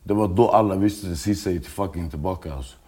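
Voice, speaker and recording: A man's voice: low voice, warm tone, breathy edge. A man, telling his story as a guest in a casual interview, swearing often and restarting his sentences. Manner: street slang, swears often, halting restarts.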